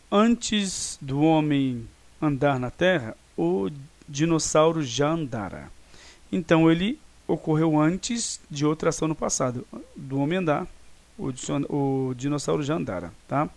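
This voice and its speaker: Speaking with a Brazilian Portuguese accent, this man has a slightly high voice with a darkish tone. He gives an online grammar lesson, patiently explaining and frequently checking in with his students.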